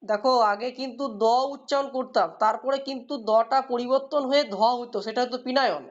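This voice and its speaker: Talking fairly quickly, a woman with a somewhat high voice teaches a class, giving patient explanations and putting questions to her students, then praising their replies. The recording quality is dull and lo-fi.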